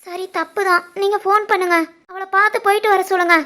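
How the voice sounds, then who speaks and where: A woman's voice: very high-pitched, level tone, fast talker, sharp tone. A woman voicing a timid pleading young wife. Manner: pleading, anxious. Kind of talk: animated family drama voicing.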